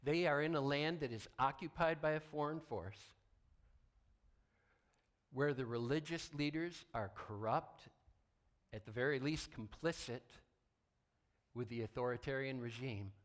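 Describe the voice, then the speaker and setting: A male pastor preaches a sermon deliberately and emphatically, at a medium pitch. He adds weight with dramatic pauses and drops into a hushed tone.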